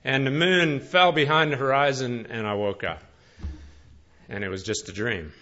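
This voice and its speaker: A man preaching a storytelling sermon in a folksy, conversational way, with many pauses and fillers. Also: mid-range voice, sharp tone, muffled recording. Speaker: pastor.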